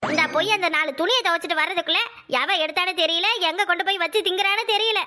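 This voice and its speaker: A woman's voice: very high-pitched, fast. A woman voicing an indignant, accusing village housewife in a cartoon, with a Kanyakumari Tamil accent. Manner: complaining, accusing, shouting. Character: fiery robbed housewife, loud and indignant. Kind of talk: cartoon voice acting.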